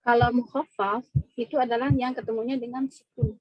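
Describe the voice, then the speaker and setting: A woman's voice: a little high, steady tone, a little fast, husky, dry recording, muffled recording. A woman teaching a tajwid lesson in a mosque class, patient and repetitive, often checking in with her listeners. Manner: patient, repeats points with frequent "ya" checks. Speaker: Quran recitation teacher.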